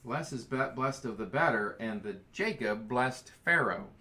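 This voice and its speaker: A man's voice: mid-range voice, animated, normal speed, bright, forceful tone. A man leading a casual Bible study, reading scripture aloud with enthusiasm and joking along the way.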